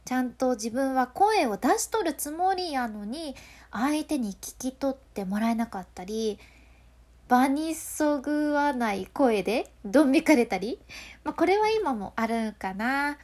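A woman's voice: sits high, a little mellow. A woman with a Hakata accent explains voice control in a casual, playful way, laughing often. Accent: Hakata dialect.

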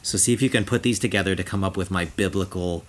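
Casual podcast host, male, slightly low voice, playful quiz-master tone. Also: quick pace. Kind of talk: casual chat.

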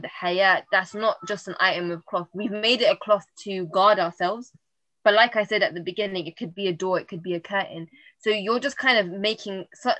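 A woman speaks with earnest conviction in a casual podcast chat, her mid-pitched voice sitting close and dry on the microphone. She talks in long, reflective stretches, circling back to make her point. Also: sharp tone, no room sound, rough recording. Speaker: podcast co-host.

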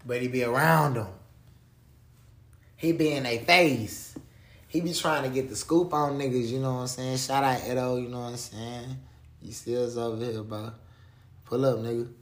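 A man's voice: medium pitch, fairly even intonation, normal speed, long pauses. Casting: male podcast co-host, opinionated street-slang talker, bro in every breath, mid-range voice, roomy echo. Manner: street slang, repeatedly addresses listener as bro; repetitive, emphatic phrasing. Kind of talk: casual opinionated podcast chat. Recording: echoey room.

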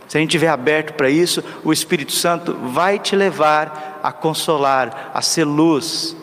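Preaching priest in a reverberant church. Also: male voice, a little high, fairly bright tone. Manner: storytelling, with rhetorical questions to the congregation. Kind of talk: homily. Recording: long reverb with faint background noise.

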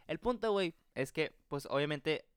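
A young man from Mexico, telling a story in casual podcast chat, animated and slangy, acting out the voices of the people in it. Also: on the high side, moderate pace, smooth, dry recording, clean studio sound. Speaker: podcast co-host.

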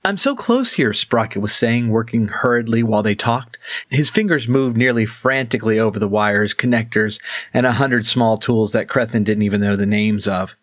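Measured male audiobook narrator. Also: lowish voice, steady tone, no room sound, studio quality. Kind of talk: scripted fantasy narration.

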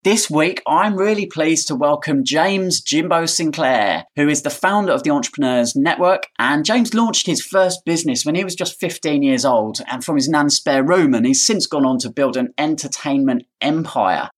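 A man's voice: fairly high pitch, moderate pace, hardly any pauses. A man hosting a podcast, introducing and interviewing a guest. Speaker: podcast host.

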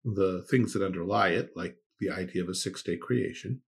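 A man's voice: low-pitched, moderate pace, creaky. A man co-hosting a podcast in casual discussion, with dry sarcasm, frequent laughter and sentence restarts. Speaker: podcast co-host.

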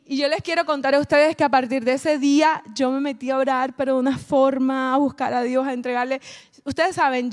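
A woman, animated as she tells a personal testimony and speaks straight to her audience. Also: high voice. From Colombia. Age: adult, mother of a child. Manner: animated storytelling, addresses the audience directly. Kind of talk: emotional personal testimony talk.

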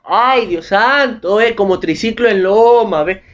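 A cocky drunk young man strutting toward a group of women and rambling boastful pickup lines, put on by a man. The voice sits high. The recording is dull and lo-fi. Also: unhurried, fairly bright tone.

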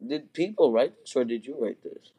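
Joking young man on low quality stream. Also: lively intonation, moderate pace, warm tone, breathy edge. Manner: hesitant, stammering, joking. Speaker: guest answering questions. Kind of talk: casual chat. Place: online voice call. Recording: low quality, glitchy online call stream.

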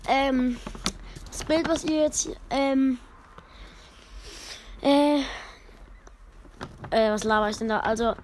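A woman's voice: high-pitched, slight background noise. Woman reading her own story aloud. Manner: rambling, self-correcting asides.

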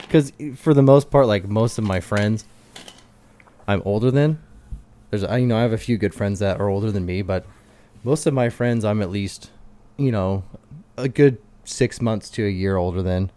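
A man's voice: lowish voice, normal speed, dark tone. A man in his thirties talking casually and candidly, rambling with lots of fillers. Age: 30s. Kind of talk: casual chat.

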